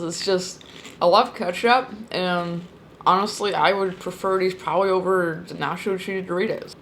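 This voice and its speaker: A woman talks casually through a snack review. She gives plainspoken, candid opinions at a middle pitch. There is some light background noise and the odd click on the recording. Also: fairly bright tone. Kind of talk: casual chat, food tasting review.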